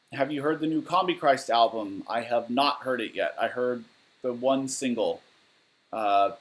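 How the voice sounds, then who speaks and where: Chatting from his living room, a Southern California musician reads out fan questions on a casual livestream and answers them in a frank, matter-of-fact, rambling manner with fillers. He has a medium-pitched voice. The audio is poor, captured indoors by a webcam or laptop mic at his desk.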